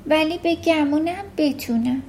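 A woman's voice: high-pitched, a little mellow, a little hiss or hum, voice pushed up. A woman voicing an earnest little schoolgirl with strange powers, telling things plainly.

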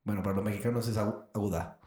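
A man co-hosting a podcast, telling stories in a lively, joking way. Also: on the low side, racing. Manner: animated, joking storyteller. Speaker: podcast co-host. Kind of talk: casual chat. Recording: roomy echo.

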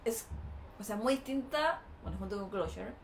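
A woman's voice: mid-range voice, moderate pace, vocal fry. A young woman with a Chilean accent co-hosting a podcast, joking and telling stories in casual chat. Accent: Chilean Spanish. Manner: animated storyteller, jokey. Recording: roomy with faint noise.

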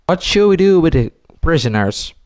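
A man voicing a gruff male American soldier who barks orders slowly and emphatically, pitched higher than his own voice. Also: big pitch swings, darkish tone.

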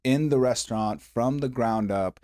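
A man's voice: mid-range voice, normal speed, a little mellow, no room sound. A man hosting a casual interview, speaking emphatically as if making a point. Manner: emphatic, lecturing. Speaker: podcast host.

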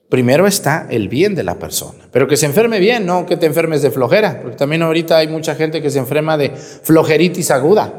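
Teasing priest in a reverberant church. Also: male voice, fairly high pitch. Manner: colloquial, teasing, rhetorical questions to the congregation. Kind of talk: homily at Mass. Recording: long reverb of a large church.

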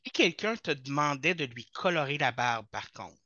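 A man's voice: medium pitch, animated, moderate pace, sharp tone, dry recording. A man with a Quebec French accent hosting a casual interview, teasing his guest with jokes, on a dull lo-fi recording. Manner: teasing, jokey. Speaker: podcast host.

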